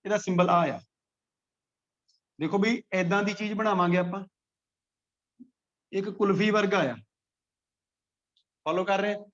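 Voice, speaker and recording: Brief: Punjabi male physics teacher, fairly high voice, drills students, lo-fi sound. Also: flat delivery, measured pace, pauses often, fairly bright tone. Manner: quizzes students by name, repeats points. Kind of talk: classroom lecture. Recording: dull lo-fi classroom recording.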